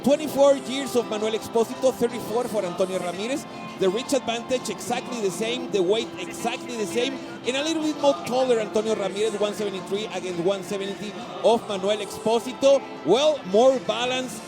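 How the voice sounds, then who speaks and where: A man giving live play-by-play fight commentary, excited and emphatic, with halting phrasing. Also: high-pitched. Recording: loud arena music and crowd behind.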